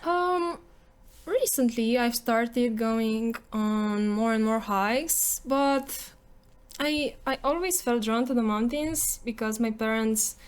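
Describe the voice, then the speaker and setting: A woman's voice: a little high, slow pace, smooth. A woman with a Romanian accent chatting casually as an interview guest, playful and joking, acting out little quotes. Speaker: podcast guest, software developer. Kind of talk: casual conversational interview answers.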